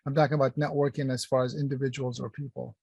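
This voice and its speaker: A man's voice: medium pitch, flat delivery, fast talker, gravelly, a little mellow, breathy edge, no room sound. A middle-aged man from Palestine, raised in Kuwait, presents an online workshop in a conversational manner, with many fillers and restarts while he addresses the chat. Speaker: workshop presenter, company founder.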